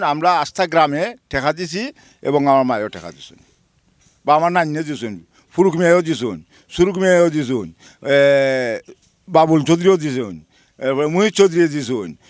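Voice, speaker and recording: A man's voice: a little high, dry recording, clean studio sound. A man giving an earnest spoken statement to the press, listing names one by one. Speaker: local villager giving a statement. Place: beside a village mosque.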